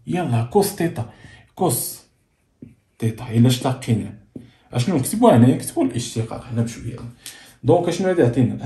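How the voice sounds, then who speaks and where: Fast-talking Moroccan man teaching at a board. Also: medium pitch, warm tone. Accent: Moroccan Arabic. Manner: asks and answers his own questions, coaxing students to follow. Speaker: physics teacher. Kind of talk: blackboard lesson. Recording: echoey room.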